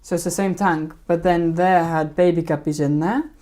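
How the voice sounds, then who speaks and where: Woman, low voice, warm and mellow, casual live-stream chat, hesitant and rambling. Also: fairly even intonation, normal speed. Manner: rambling, hesitant, laughs at own old videos. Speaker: fishkeeping channel host.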